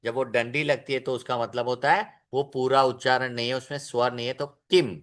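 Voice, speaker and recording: A man teaching an online class, stretching out words slowly to show how they are pronounced and slipping in English phrases. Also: medium pitch, little pitch movement, a bit bright. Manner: slow, drawn-out demonstration of pronunciation. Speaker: Sanskrit teacher.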